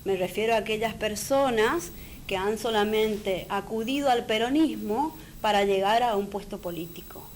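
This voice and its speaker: A woman's voice: medium pitch, normal speed. A woman with an Argentine Spanish accent, a guest on a political talk show, speaking firmly and earnestly. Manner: firm, earnest, uses fillers. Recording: faint background noise.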